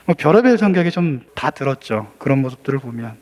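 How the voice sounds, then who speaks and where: Male pastor preaching slow n measured, pauses a lot, gets earnest asking questions. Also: medium pitch, sing-song, a little mellow. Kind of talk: sermon and prayer.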